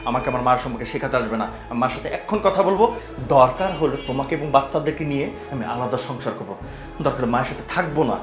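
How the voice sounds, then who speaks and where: An actor playing a devoted young husband who speaks earnestly and indignantly. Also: male voice, medium pitch, expressive, fast talker, music in the background, close to an everyday voice. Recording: roomy echo.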